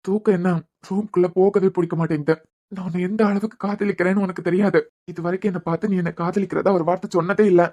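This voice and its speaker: A man's voice: high voice, fairly even intonation, dark tone. A man voicing a lovesick young husband in a cartoon series, brooding to himself with a Kanyakumari accent. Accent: Kanyakumari Tamil. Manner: brooding inner monologue, fast. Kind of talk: cartoon web series voice acting. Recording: dull lo-fi recording.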